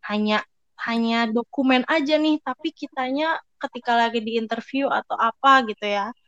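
Yeah a young woman chatting away w career tips, bit high pitched, dry dull mic sound. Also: fairly bright tone, clean tone, dry recording. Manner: chatty, quick, acts out little quoted thoughts. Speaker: guest giving career advice. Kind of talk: casual advice talk.

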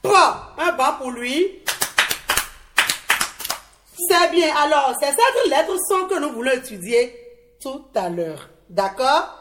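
A woman teaching young pupils on a televised lesson, speaking slowly and encouragingly in a studio classroom. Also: high-pitched, sing-song, fairly bright tone, a little hiss or hum. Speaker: primary school teacher.

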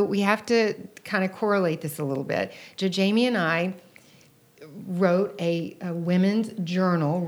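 A middle-aged woman hosting an interview, chatty and enthusiastic, full of stories. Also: lowish voice. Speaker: interview host. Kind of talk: conversational interview.

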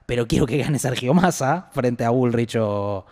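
A man's voice: mid-range voice, moderate pace, darkish tone. A man with an Argentine Rioplatense accent, co-hosting a casual political chat, blunt and exasperated, swearing freely. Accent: Argentine Rioplatense Spanish. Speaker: political podcast co-host.

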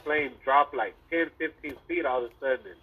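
A man's voice: mid-range voice, normal speed, breathy edge. A man chatting casually like a frat bro, in loose slang with heavy swearing. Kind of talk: casual chat. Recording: tinny, narrow phone-like sound.

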